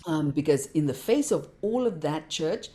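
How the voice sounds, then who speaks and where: A woman with a low, mellow voice speaks as a podcast guest. She talks with passion and stacks up repeated words to drive her points home. She sounds middle-aged. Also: lively intonation, normal speed. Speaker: podcast guest, meditation teacher. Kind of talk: casual interview talk.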